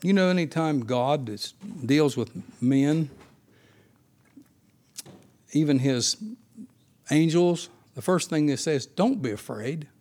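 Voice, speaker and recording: Male Bible study teacher, fairly high voice, unscripted sermon delivery with rhetorical questions. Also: slow pace, pauses often, darkish tone.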